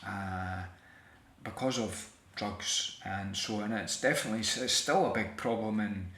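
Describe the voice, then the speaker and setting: Bright-toned Scottish man, hesitant. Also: lowish voice, measured pace, reverberant. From Scotland. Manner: hesitant, many restarts and fillers. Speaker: actor and writer guest. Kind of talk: reflective interview talk.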